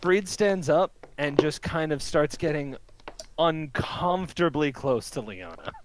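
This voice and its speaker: A game master narrating a tabletop game in a hesitant, halting way. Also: mid-range voice, lively intonation, heavy background noise.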